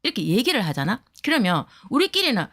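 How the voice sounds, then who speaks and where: A woman talks straight to her viewers in a blunt and heated way, swearing freely. Her voice sits a little high and swings widely up and down, and she slips into the voices of the people she quotes. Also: huge pitch swings, fast, a bit bright. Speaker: streamer giving advice to viewers. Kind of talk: heated casual talk to viewers.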